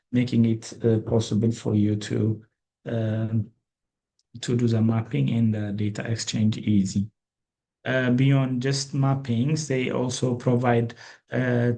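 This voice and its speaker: A man's voice: medium pitch, gravelly, darkish tone. A man from Ethiopia giving an online training lecture, hesitant, with many fillers and restarts.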